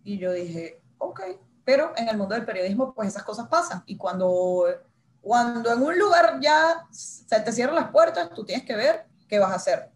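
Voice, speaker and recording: A journalist in her thirties recounts her own career path as an interview guest, voicing her inner thoughts through lively quoted lines. Her voice sits on the high side, and she speaks at a moderate pace.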